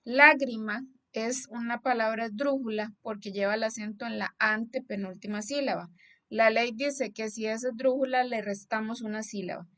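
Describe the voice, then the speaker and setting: Her voice is on the high side with fairly even intonation and a sharp tone, moving at a moderate pace. This young teacher, speaking with a Costa Rican Spanish accent, patiently walks students through a lesson slide, asking "¿verdad?" to make sure they understand.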